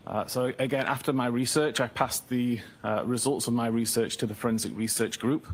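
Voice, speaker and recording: A man testifying as an expert witness in a courtroom recording, giving measured, technical answers with frequent hesitations. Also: mid-range voice, steady tone, a little hiss or hum.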